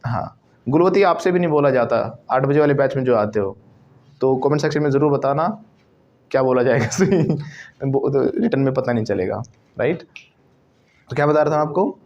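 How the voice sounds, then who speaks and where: A man's voice: mid-range voice, lively intonation, moderate pace, pauses often, a little mellow, highs cut off. A man teaching spoken English to a class, playful and joking as he drills call-and-response phrases. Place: classroom with students.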